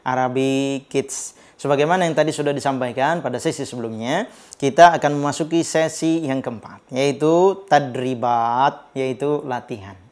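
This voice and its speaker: A man with an Indonesian accent teaching Arabic words on a children's TV program, speaking slowly and repeating himself with many small "ya" fillers. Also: medium pitch, a little mellow. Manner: repetitive, many filler "ya", drawn-out Arabic examples. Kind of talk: slow, patient TV lesson for children.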